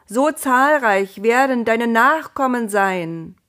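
A woman's voice: fairly high pitch, animated, slow pace, fairly bright tone, pitched above the performer's own voice. Lofty divine voice, as a woman puts it on. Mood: solemn. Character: lofty divine voice making grand promises. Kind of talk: storybook narration.

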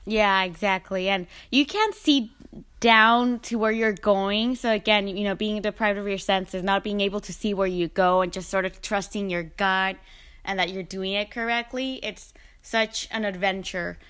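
A woman chatting in a relaxed way about a trip, with fillers. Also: medium pitch, normal speed, smooth. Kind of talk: casual travel chat.

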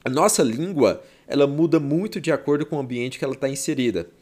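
A man's voice: mid-range voice, fast, a little mellow. A young man from Goiás with a Goiás Brazilian Portuguese accent, teaching an exam-prep language lesson in a chatty, slangy, playful way.

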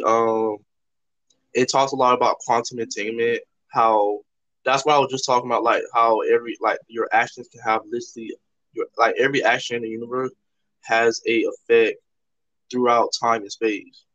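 Earnest and rambling, this Canadian podcast host from Toronto keeps dropping "like" into his casual, conversational explanations. His medium-pitched, fairly bright voice stays level and moves at a normal speed. The recording has no echo but is slightly dull and lo-fi.

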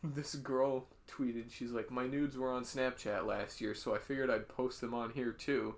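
A man's voice: medium pitch, fairly even intonation, a little slow. Young man teasing in casual chat. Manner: teasing, joking banter. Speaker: podcast co-host.

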